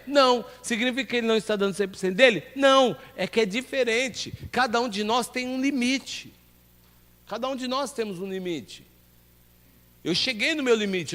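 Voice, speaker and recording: High-voiced Brazilian pastor teaching a class. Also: male voice, fairly bright tone. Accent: Brazilian Portuguese. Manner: conversational, asks the class questions and answers them. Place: church hall. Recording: long hall reverb.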